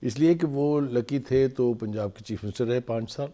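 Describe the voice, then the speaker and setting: A man from Pakistan, a political analyst on a studio talk show, talks in a voice of ordinary male pitch. He explains calmly, then leans on key points with emphasis and a dry, teasing edge. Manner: measured, emphatic, teasing at times.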